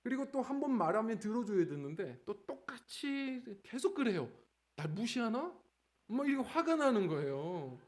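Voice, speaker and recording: A male pastor preaching in a church, his pitch swinging freely as he tells stories from family life. His voice sits a little above the usual man's, animated and conversational rather than solemn. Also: moderate pace, few pauses. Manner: conversational preaching with lively storytelling. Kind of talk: sermon. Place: church sanctuary.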